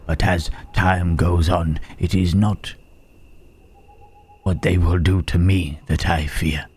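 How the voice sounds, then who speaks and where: A man playing a gentle, brooding, melancholy monster in an ASMR roleplay, with halting, solemn, formal speech and a breathy voice. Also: flat delivery, heavily acted. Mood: brooding, wistful. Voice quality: husky, breathy, deep.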